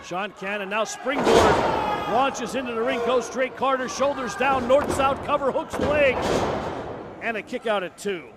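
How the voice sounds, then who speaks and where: A man's voice: very high voice, moderate pace. A man working as a wrestling commentator, calling live play-by-play in clipped bursts of move descriptions. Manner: narrates moves in clipped bursts. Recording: noisy event-hall recording.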